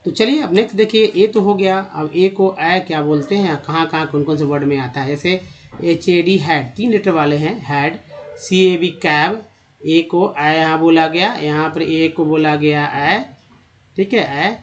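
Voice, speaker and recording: A man teaching English pronunciation to Hindi speakers, spelling out words and repeating each one slowly while quizzing the viewer. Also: fairly high pitch. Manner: repeats each word slowly, drilling vowel sounds; addresses viewers as friends, asks rhetorical questions. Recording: dull lo-fi recording.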